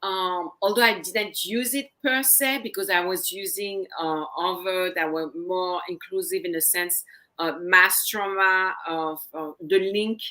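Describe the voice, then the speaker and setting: A woman guest on a talk show, speaking earnestly and gently in casual conversation and often repeating her phrases. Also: fairly low pitch, measured pace. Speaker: guest psychologist. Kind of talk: casual interview chat.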